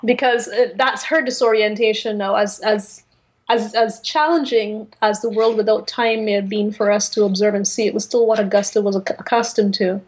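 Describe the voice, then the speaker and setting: A woman's voice: mid-range voice, fairly even intonation, a little mellow. A woman co-hosting a literary discussion, articulate and careful in choosing her words. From Caribbean. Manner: articulate, deliberate, careful with word choice. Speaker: podcast co-host. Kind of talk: literary discussion, casual chat.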